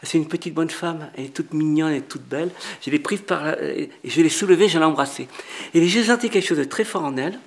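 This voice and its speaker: Middle-aged chef guy, gravelly, acts out the dialogue, lots of restarts. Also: on the high side, fast talker. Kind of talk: storytelling in an interview.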